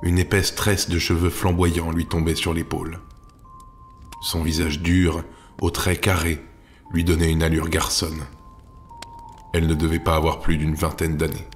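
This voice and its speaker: A man narrating a fantasy audiobook in a measured storytelling manner. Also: low voice, monotone. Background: faint music.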